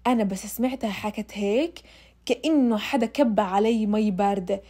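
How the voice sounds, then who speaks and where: A woman's voice: mid-range voice, a little fast, dark tone. A young woman telling her own story in a casual, emotional way, speaking straight to her listeners. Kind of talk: casual first-person storytelling.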